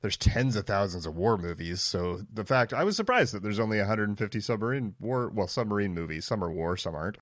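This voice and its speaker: A man's voice: lowish voice, big pitch swings, a little fast, few pauses, no room sound, studio quality. A man co-hosting a casual movie podcast, talking earnestly and with good humor. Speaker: podcast co-host. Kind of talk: casual chat.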